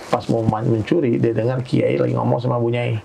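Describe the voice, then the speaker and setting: A man, a preacher, telling an animated story and giving religious teaching in a podcast conversation. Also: mid-range voice, fairly quick, gravelly, slight background noise. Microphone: podcast microphone.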